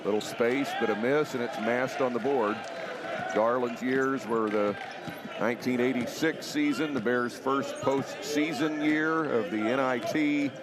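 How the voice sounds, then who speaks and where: A man's voice: medium pitch, a little slow. A man doing live basketball play-by-play as a sports commentator, calling the action in clipped short phrases. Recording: loud arena noise behind. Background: basketball arena ambience, bouncing ball.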